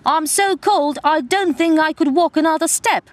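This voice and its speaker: A woman voicing a small, freezing male gnome who shouts everything he says, for a storybook reading. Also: sits high, normal speed, voice pushed up, natural voice. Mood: shouting. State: freezing cold, shivering.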